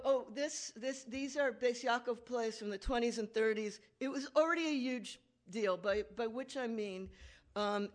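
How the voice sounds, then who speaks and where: A woman lecturer with a slightly high voice gives a conversational academic talk with slides, correcting herself and making asides to the audience.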